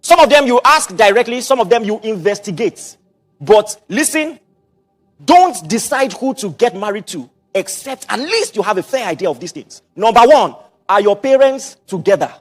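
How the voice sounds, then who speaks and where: A middle-aged Nigerian man preaching a sermon, mixing in Pidgin asides and quick repetitions. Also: high voice, animated. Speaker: pastor.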